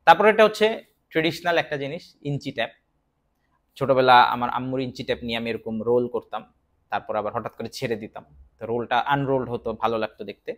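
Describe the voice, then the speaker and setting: A man's voice: mid-range voice, a bit bright. A young man with a Bangladeshi accent teaching English vocabulary, spelling words out letter by letter and adding chatty asides about his own life. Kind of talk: vocabulary lesson.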